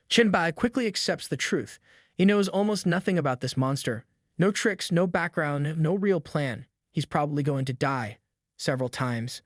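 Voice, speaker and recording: A man narrating a scripted recap in a steady storytelling manner. His voice sits a little high for a man, and the recording is close and dry with no room sound. He leans harder into the tense moments. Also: dry recording.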